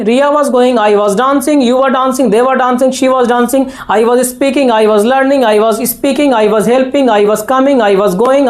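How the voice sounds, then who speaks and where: A man teaching spoken English with an Indian accent. He explains in quick bursts and repeats drill sentences slowly. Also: very high-pitched.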